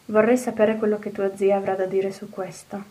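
A woman's voice: mid-range voice, level tone, moderate pace, dark tone, lightly acted. A woman reading an audiobook, voicing a kind but anxious young housemaid who frets and exclaims. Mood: flustered. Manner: fretful and exclaiming. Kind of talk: audiobook character voice.

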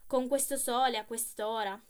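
A woman's voice: a little high, steady tone, normal speed, clean tone, close to an everyday voice. A woman voicing a grumpy, quarrelsome male hearse driver, brusque and cursing. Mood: insisting.

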